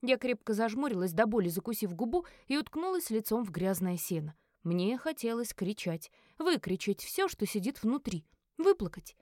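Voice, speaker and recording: Expressive woman reading a fantasy novel. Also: a little high, moderate pace, no echo, studio quality. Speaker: audiobook narrator.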